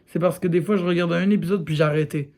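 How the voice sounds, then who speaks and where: Speaking fast with a somewhat high, slightly mellow voice and a steady tone, a YouTuber gives a frank, casual review of a series. He talks straight to his audience, calling them "les gars", and uses lots of fillers.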